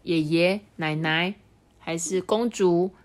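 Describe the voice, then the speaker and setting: Brief: Taiwanese Mandarin mother, animated bedtime-story reader. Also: fairly low pitch, takes it slowly. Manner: lively, chatty storyteller explaining to a child. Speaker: mother reading to her child. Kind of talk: reading a storybook aloud.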